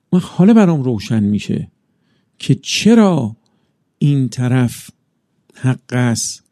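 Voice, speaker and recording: A man preaching a religious sermon, speaking in measured phrases that build into emphatic bursts, recited passages. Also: medium pitch, gravelly, dark tone, no echo, studio quality.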